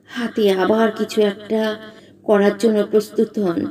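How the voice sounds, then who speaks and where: A woman narrating a ghost story in a measured, suspenseful way. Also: mid-range voice, level tone, mellow, far from the mic, poor audio.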